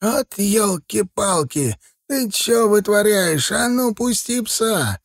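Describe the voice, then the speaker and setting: Man doing a hoarse old watchman barking orders. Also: high-pitched, lively intonation, dry recording, clean studio sound, voice pushed up, full character voice. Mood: angry shouting. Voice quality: hoarse, strained. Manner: barking, drawn-out shouts. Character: old hoarse gruff male night watchman.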